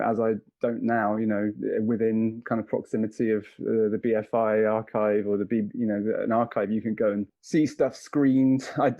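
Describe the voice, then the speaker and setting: A man's voice: mid-range voice, mellow, no room sound, highs cut off. A man in his fifties, an author answering interview questions in a hesitant, thoughtful way with many fillers. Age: 50s.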